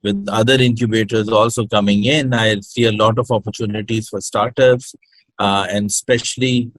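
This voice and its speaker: A man with a Pakistani accent gives conversational interview answers in a fairly low voice. He pauses and searches for words, moving between two languages. The sound is very dry, with little room to it. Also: fairly even intonation, dry recording, low-quality recording. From Pakistan, born in Hyderabad, grew up in Karachi. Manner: hesitant, code-switches between English and Urdu. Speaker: interview guest, startup incubator project director.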